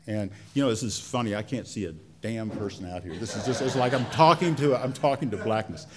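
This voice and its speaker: A man tells a story live to an audience in a folksy, colloquial way, drawing out his phrases and pausing as he goes. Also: fairly low pitch, noisy background.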